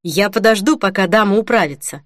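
A woman's voice: on the high side, moderate pace, no echo, clean studio sound, natural voice. A woman voicing a polite, sheepish male customer in a shop. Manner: polite, apologetic.

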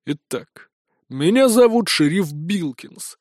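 A man voicing a gruff, burly male sheriff who barks cold, menacing orders in a high, loud voice. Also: big pitch swings, takes it slowly, no echo, studio quality, exaggerated voice.

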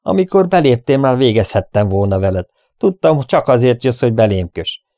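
A man voicing a calm, cocky young Texan gunfighter in an audiobook, speaking in a steady, taunting way. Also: mid-range voice, no room sound, clean studio sound, voice pushed up. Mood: indignant.

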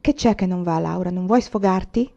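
Woman reading a kind wise pioneer dad, calm and a bit teasing, warm mellow tone, dull lo-fi audio. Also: lowish voice, normal speed, vocal fry. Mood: gentle. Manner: calm, gently teasing advice. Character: kindly wise pioneer father, fiddler.

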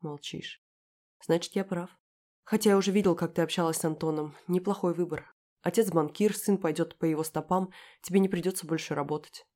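A woman's voice: fairly low pitch, steady tone, a little fast, mellow, lightly acted. A woman reading an audiobook, voicing a cold, contemptuous young man with a sneering, cutting manner.

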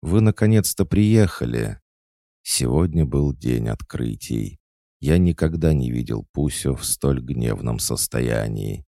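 A man's voice: rumbling low, gravelly, warm tone, no echo. A man narrating a fantasy audiobook in the first person, dry and matter-of-fact.

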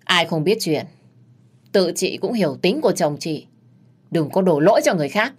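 A man's voice: high-pitched, lively intonation, normal speed, slightly rough. A woman voicing a protective young man, urgent and commanding as he shields his hurt lover. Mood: angry, commanding.

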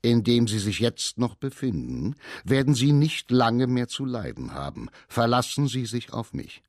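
A man voicing a cold, haughty male actor who speaks slowly, quietly and cuttingly in a radio reading. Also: medium pitch, very animated, no echo, clean studio sound. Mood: menacing.

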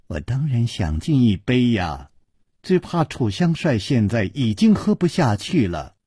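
一位男说书人扮演一位妩媚大方的年轻女子，语气温柔带点调侃。. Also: male voice, medium pitch, big pitch swings, a little slow, warm tone, husky, dry recording, clean studio sound. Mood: teasing. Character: charming gracious young woman.

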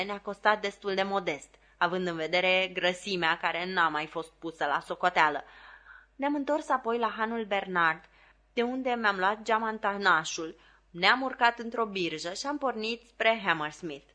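Bright-voiced woman reading a novel. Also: medium pitch. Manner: clear, expressive storytelling. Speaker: audiobook reader.

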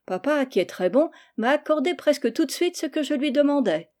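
A spoiled, willful little girl pleads and demands in a raised, whiny voice. Her tone stays soft and mellow despite the insistence, as a woman reader puts her on. The reading is an audiobook. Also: sits high, expressive, fairly quick, voice pushed up. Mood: pleading.

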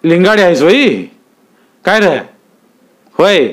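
A man's voice: sits high, expressive, takes it slowly, pitched above the performer's own voice. A male storyteller voicing a harsh, domineering village landlord who barks menacing orders and questions. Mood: commanding. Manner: bellowing, menacing interrogation. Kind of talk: dramatic storytelling.

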